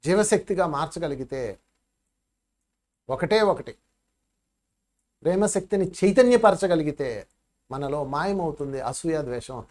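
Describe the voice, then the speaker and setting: A meditation teacher in his fifties gives a spiritual talk to his listeners. He tells his stories in an animated way, dropping his voice low and then rising loud again. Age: 50s. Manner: animated storytelling with sharp swings in loudness.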